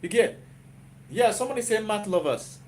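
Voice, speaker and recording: This Nigerian-accented YouTuber and software developer sounds animated, his high voice moving at a normal pace as he urges his live-stream audience on. He keeps repeating himself and checking in with a frequent "you get?", in a motivational pep-talk style. A faint hiss or hum runs underneath.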